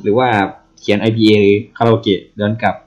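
A man's voice: fairly low pitch, steady tone, a little fast, darkish tone. A man casually explaining something to a co-host, playfully sounding out syllables one by one.

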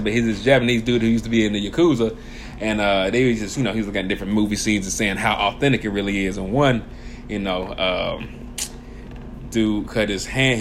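A young man, co-hosting a casual podcast. He is animated, laughs often and jumps up into high exclamations. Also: slight background noise. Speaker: podcast co-host. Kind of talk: casual chat.

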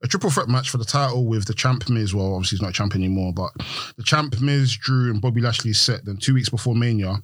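Fast-talking husky man. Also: on the low side, no echo, clean studio sound. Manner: animated, laughs often, repeats phrases. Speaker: podcast co-host. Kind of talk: casual chat.

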